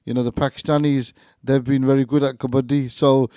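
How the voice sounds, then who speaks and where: A man's voice: mid-range voice, level tone, a little fast, warm tone, clear, resonant tone, no room sound, studio quality. A man co-hosting a live radio show in casual chat, hesitant and often repeating his words and phrases. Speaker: radio co-host.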